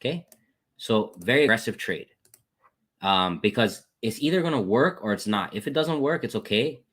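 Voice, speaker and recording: A man's voice: animated, moderate pace, a bit bright, slightly rough. A man casually walking viewers through his trades on a screen share, talking to them as "guys" and calling out wins. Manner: casual, repeats "guys" and "boom", thanks chat members. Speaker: trading educator.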